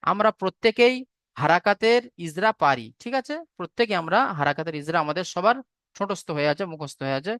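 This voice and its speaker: A man's voice: high voice, lively intonation, fast, a bit bright, no room sound. Male recitation teacher, patient and repetitive, dry video-call sound. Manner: patient, repetitive explaining, spelling out syllables. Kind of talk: online tajweed class lecture.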